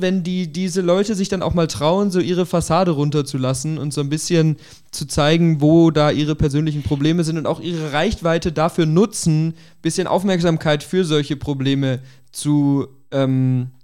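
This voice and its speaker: Male podcast host, higher register, informal conversational delivery, cautious and hedging. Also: steady tone, unhurried, darkish tone, clean tone.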